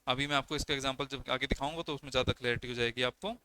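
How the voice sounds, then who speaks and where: A man's voice: medium pitch, steady tone, racing, sharp tone, a little hiss or hum, low-quality recording. A young man teaching an exam-prep class on poetry, explaining step by step and counting syllables aloud, with as his on terms. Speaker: English lecturer. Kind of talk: exam coaching lecture.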